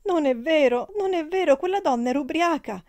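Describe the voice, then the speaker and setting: A woman voicing a passionate, tearful young circus horsewoman who pleads in high, crying tones. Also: a little slow, a little mellow. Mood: pleading.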